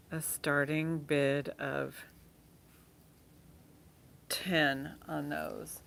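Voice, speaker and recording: Low, creaky-voiced woman auctioneer, unhurried. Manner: chatty, informal auctioneer. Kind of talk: casual live-sale auctioneering, counting down bids.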